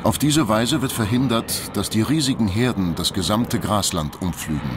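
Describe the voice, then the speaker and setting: A man reading scripted nature documentary narration in a measured, factual storytelling manner. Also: fairly low pitch, background noise.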